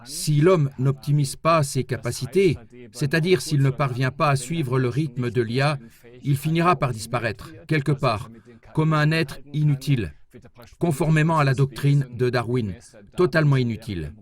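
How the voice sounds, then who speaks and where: A man's voice: mid-range voice, moderate pace, natural voice. A man voicing an interviewer, asking formal questions.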